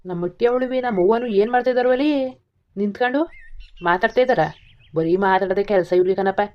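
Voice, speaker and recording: A woman's voice: mid-range voice, brisk, close to an everyday voice. A woman voicing a blunt, practical grown village son who asks questions. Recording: dull lo-fi recording.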